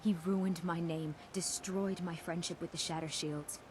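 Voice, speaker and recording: A woman's voice: lowish voice, fairly even intonation, measured pace, natural voice. An actress playing a bitter, vengeful jilted woman in a fantasy video game, with intense, emphatic phrasing. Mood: wounded, bitter. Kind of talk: dramatic video game voice acting. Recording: game audio with clear background noise.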